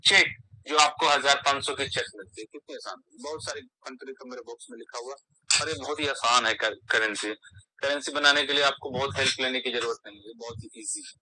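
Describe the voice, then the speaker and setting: A man's voice: medium pitch, sharp tone, no echo, low-quality recording. A man with a Bihari Hindi accent, teaching a mnemonic lesson full of playful puns and repeated words.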